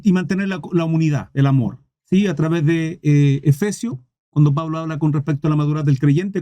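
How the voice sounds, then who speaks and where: A male pastor preaching with emphasis, often repeating his points and speaking directly to the church. His voice is fairly high for a man but warm and mellow. The recording is close and dry, with no room sound. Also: no room sound. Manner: emphatic, repetitive, addresses the congregation directly. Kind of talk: sermon.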